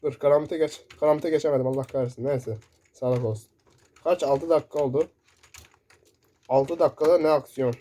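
A man commentating his own first-person shooter gameplay, excitable and shouting in bursts, keyboard clicks close by. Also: on the high side, brisk, long pauses. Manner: excitable, shouting in sudden bursts during play. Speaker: gaming YouTuber. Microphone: desk mic picking up keyboard. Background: loud keyboard typing.

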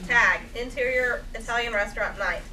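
At a table read on a small theatre stage, a seated woman reads the stage directions to an audience at normal speed in a fairly high voice. The recording comes from a far camera and is noisy.

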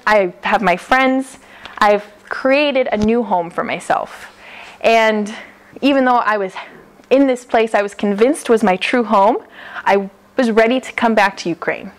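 A woman's voice: medium pitch, normal speed. A young American woman telling a personal story live, chatty and laughing often, acting out the quoted lines, heard from a camera across an indoor hall. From United States. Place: classroom-style hall, indoors. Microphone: far camera.

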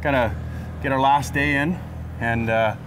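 Guy hosting a fishing show, teasing his buddies, boat and water noise all around, middling pitch. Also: fairly even intonation. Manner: joking, teasing, quick laughs. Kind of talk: casual outdoor fishing banter.

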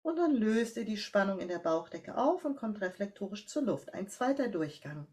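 Calm woman guiding voice exercises. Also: medium pitch. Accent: German. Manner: calm step-by-step instructions, slow and drawn out on cues. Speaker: voice coach leading a workshop. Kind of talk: guided voice and breathing exercise.

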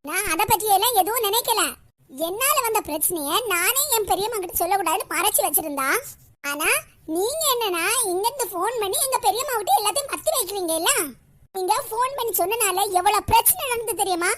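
Very high-pitched voice, Kanyakumari Tamil accent, scolding, indignant, animated comedy dialogue. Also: female voice, fairly quick. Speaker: voice actor for an animated comedy character.

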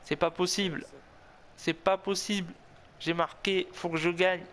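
Man, high voice, casting note: excitable gamer commentating his own football match, tense and repetitive, faint hiss behind. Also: unhurried. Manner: tense, excitable, cheering himself on, repeating words. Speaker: gaming video host. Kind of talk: excited self-commentary of a football video game.

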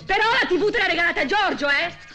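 A chatty, gossiping young wife talks to her mother in a high voice that swings up and down. She is quick to take offence. It sounds like a 1960s film soundtrack, with music clearly playing underneath. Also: expressive. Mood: gossipy. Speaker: housewife on the phone.

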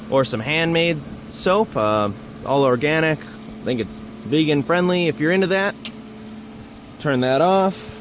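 A man in his twenties, his voice on the high side, leads a chatty, joking walking tour through the woods. He's filmed outdoors on a handheld camera held at arm's length, with slight background noise.

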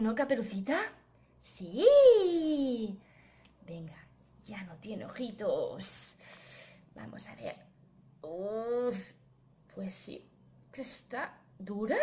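Gentle sing-song woman storyteller. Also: medium pitch. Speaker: children's storyteller, puppet host. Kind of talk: children's story narration.

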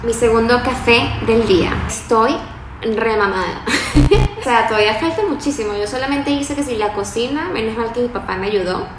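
A woman's voice: on the high side, lively intonation, normal speed, noisy background. A young woman, chatting and laughing while she vlogs a move into an empty apartment on a handheld phone. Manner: chatty and bubbly, laughing often. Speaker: vlogger. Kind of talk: casual vlog chat to camera. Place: empty new apartment, echoey rooms indoors. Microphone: handheld phone camera at arm's length. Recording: echoey empty room with music under.

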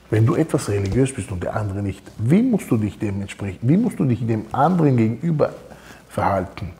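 A man preaches in a loose, storytelling way, his pitch swinging widely as he slips into the voices of the people in his anecdotes. His tone is dark and mellow, with a rough, gravelly edge. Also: a little hiss or hum. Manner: animated, acts out quoted dialogue. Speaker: Torah teacher. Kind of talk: informal sermon with personal stories.

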